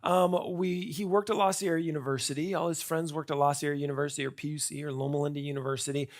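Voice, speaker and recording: Gravelly man giving a talk. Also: a little high, steady tone, fast talker. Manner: conversational, asks rhetorical questions; frequent fillers and restarts. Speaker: conference speaker. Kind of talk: conference talk.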